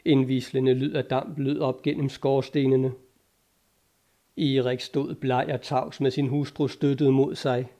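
Dark-voiced male narrator, measured dramatic audiobook reading. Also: mid-range voice, little pitch movement.

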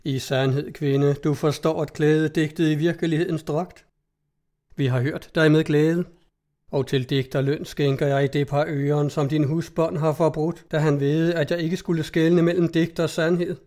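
A proud city judge who talks down to those before him, as read by a male storyteller. The tone is mellow, with a slightly raised pitch. His words are short and lordly. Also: steady tone, natural voice. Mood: haughty.

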